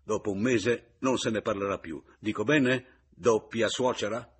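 A man voicing a jovial, mocking man who teases and booms loudly in a radio reading of a novel. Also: measured pace, husky. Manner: teasing, booming and boisterous.

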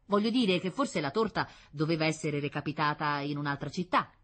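A woman voicing a bold, eager young boy in a storybook reading. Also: fairly quick. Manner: eager, lively, high-pitched.

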